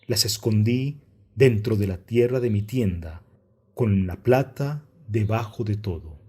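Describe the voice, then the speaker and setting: A man's voice: fairly low pitch, a little slow, mellow, slightly rough. A man reading a guilty man who confesses to stealing plunder in an audiobook. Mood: confessing.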